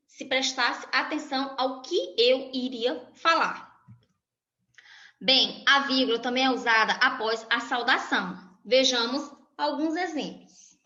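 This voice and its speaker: Bright-voiced woman teacher in an echoey room. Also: sits high. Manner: slow, explanatory, spells out each example. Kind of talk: recorded grammar lesson for children. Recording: echoey room, dull lo-fi sound.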